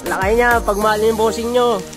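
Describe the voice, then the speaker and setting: A woman's voice: fairly high pitch, fairly even intonation, brisk. A woman chatting casually and playfully to viewers in a vlog. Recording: loud music over the voice. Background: loud music.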